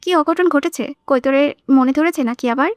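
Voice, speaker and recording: A jealous, hot-tempered young man snaps in short, scornful lines, as a woman narrator puts him on. The voice sits fairly high and sounds dry and close. It is an audiobook drama. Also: moderate pace, dry recording, close to an everyday voice. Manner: curt and scornful.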